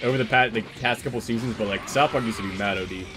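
A man's voice: lowish voice, fast, background noise. A man giving loose, rambling commentary on a gaming stream, swearing freely as he organizes a tournament.

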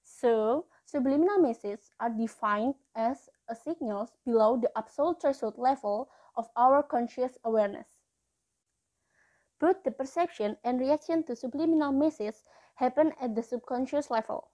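A woman's voice: high voice, moderate pace, warm tone. A woman in her early twenties with an Indonesian accent, a non-native English speaker, explains a lesson to camera through a face mask that slightly muffles her voice. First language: not English. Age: early 20s. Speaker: explainer video host. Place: small indoor room.

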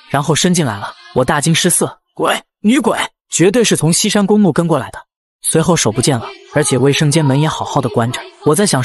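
A man narrating a comic first-person story in an excitable, jokey, self-mocking way. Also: on the high side.

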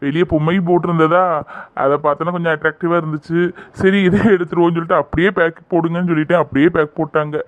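A man voicing a doting, gentle young village man in love, soothing and affectionate, in a cartoon. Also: on the high side, little pitch movement, rapid-fire, dry recording, lightly acted. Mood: cheerful. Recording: dry, tinny phone-like sound.

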